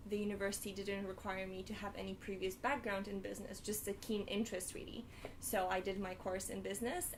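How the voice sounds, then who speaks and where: A woman's voice: mid-range voice, a little hiss or hum. A young woman hosting a live student webinar panel, organised with a few fillers. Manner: organised, slightly hesitant with fillers. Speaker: panel host.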